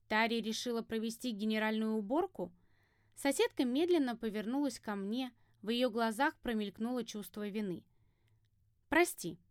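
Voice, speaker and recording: A woman narrating a fantasy audiobook in first person with a lively, wry storytelling manner. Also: a little high, no echo, studio quality.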